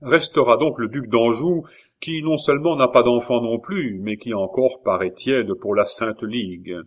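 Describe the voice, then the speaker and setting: A man's voice: mid-range voice, normal speed, lightly acted. A man playing a fiery zealot innkeeper orator. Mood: impassioned. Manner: impassioned, rousing speechmaking. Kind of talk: audiobook character reading.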